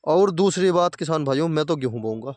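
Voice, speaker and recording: Outdoors beside his fields, a farming video host speaks casually in a rather high, expressive voice with a darkish tone, talking fairly quickly with no room sound. He gives plain, repetitive advice, calling his viewers farmer brothers.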